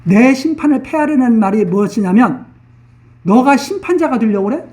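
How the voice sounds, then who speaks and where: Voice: medium pitch, expressive, normal speed, dark tone, recorded from a distance. Preacher for a verse-by-verse sermon, plain casual delivery, repeats key phrases for emphasis. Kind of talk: expository Bible sermon.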